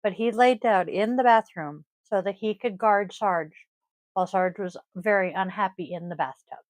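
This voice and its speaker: A woman with a wheezy voice chats casually to viewers as host, rambling in a halting, self-deprecating way. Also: medium pitch, no room sound. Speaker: host of a divination vlog. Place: indoors at a desk.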